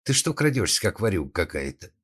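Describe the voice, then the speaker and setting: A man's voice: deep voice, big pitch swings, fast talker, a bit bright, breathy edge, heavily acted. A man voicing a stern, protective young woman in an audiobook, speaking sarcastically and scolding her friend. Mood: sarcastic.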